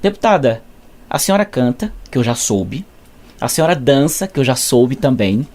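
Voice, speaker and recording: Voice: medium pitch, animated, normal speed, a little mellow. An interviewer hosting a studio interview, addressing the guest formally and listing her roles with praise. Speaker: interviewer, host.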